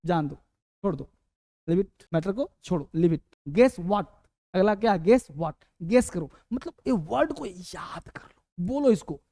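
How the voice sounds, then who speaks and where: A man's voice: high-pitched, dark tone, no echo, clean studio sound. A man teaching spoken English in a lesson, repeating short phrases and asking questions he answers himself. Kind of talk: classroom-style lesson.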